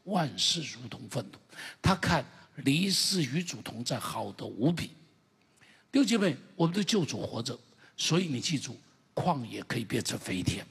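A man preaching a sermon to a congregation as pastor, emphatic and building to shouted climaxes. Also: mid-range voice, sing-song, normal speed, breathy edge. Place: church sanctuary. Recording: long reverb of a large church hall.

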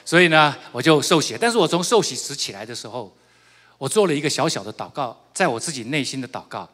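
A middle-aged man giving a personal testimony, telling his story with animated laughing asides and hushed, emotional confession. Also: mid-range voice, quick pace, long reverb tail. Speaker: church member giving testimony.

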